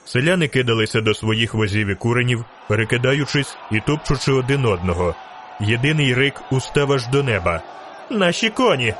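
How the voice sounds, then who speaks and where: Man narrating an audiobook, steady. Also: mid-range voice, brisk, a little hiss or hum.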